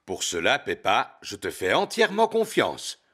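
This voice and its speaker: A man's voice: on the low side, wildly swooping pitch, normal speed, heavy background noise. Jolly, swooping cartoon father pig, Papa Pig. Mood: jovial. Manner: jovial, hearty storytelling. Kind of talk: children's cartoon dialogue. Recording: loud music behind the voice.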